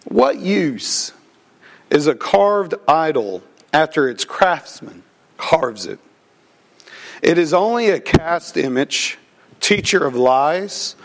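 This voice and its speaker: A pastor preaches slowly and deliberately, his voice slightly froggy as he gets over a cold and a little high in pitch for a man. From the pulpit he reads scripture, prays, and shares personal stories.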